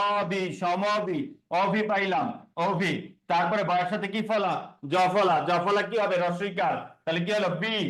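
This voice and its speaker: A man's voice: high-pitched, fairly bright tone, rough recording. A man teaching a classroom grammar lesson, quizzing students and repeating key words. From Bangladesh.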